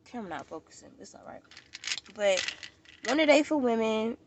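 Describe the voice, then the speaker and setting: Talking to her camera in a park, a stuffy-nosed American woman vlogs informally, wandering off topic and saying things more than once. She sounds a little high and animated, keeps a moderate pace, and background noise can be heard.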